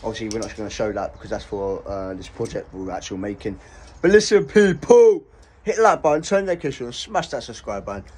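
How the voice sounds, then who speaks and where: A young man with a British English accent, vlogging outdoors in the woods on a handheld phone, loud, laddish and jokey. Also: lowish voice, racing, hardly any pauses, a little hiss or hum. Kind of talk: casual vlog chat.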